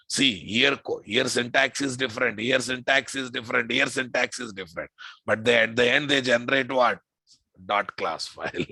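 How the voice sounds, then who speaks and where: A man's voice: medium pitch, creaky, bright, forceful tone, breathy edge, dry recording, low-quality recording. A man with a Telugu Indian English accent lecturing informally as a programming instructor, emphatic, repeating phrases and often checking with the class through questions.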